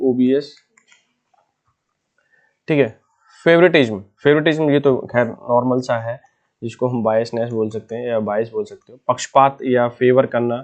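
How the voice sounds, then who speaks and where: A man's voice: mid-range voice, a little mellow. A man teaching exam vocabulary in an easygoing way, patiently explaining each word and checking in with his students again and again. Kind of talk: exam-prep lesson in casual Hindi.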